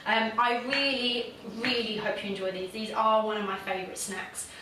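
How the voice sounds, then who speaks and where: A woman's voice: fairly high pitch, steady tone, moderate pace, recorded from a distance, noisy background. A woman hosting a casual home cooking demonstration, chatty and self-deprecating, with plenty of fillers. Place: home kitchen. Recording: very echoey room, voice from off the mic.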